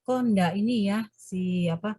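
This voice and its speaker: A woman lecturer teaching an online class over a video call. She explains at length with many hesitations and self-corrections, and changes her pitch to act out examples. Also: unhurried, husky, no room sound. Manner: animated, shifts pitch to demonstrate examples. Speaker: university lecturer.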